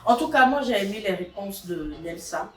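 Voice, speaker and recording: A woman with a mid-range voice recaps events calmly and agrees readily in a casual chat. She is heard from a distance in an echoing room with faint background noise. Her delivery stays measured. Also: medium pitch. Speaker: co-host of a reality show debrief. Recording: roomy echo, distant mic, faint ambience.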